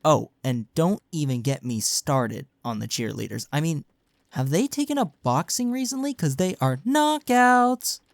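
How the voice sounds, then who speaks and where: A man's voice: fairly high pitch, animated, measured pace, creaky, dry recording. A young man's voice in an intimate audio roleplay, recorded very dry. He is acting as a caring college best friend speaks casually and earnestly, with a playful, teasing streak, as if to one listener. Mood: playful, chatty. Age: young adult.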